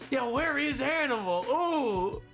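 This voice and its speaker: A man's voice: very high voice, slow. Hyped guy streaming a game, rambly, laughs a lot, music playing under him. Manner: excitable, rambling, laughs often. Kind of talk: casual gameplay commentary.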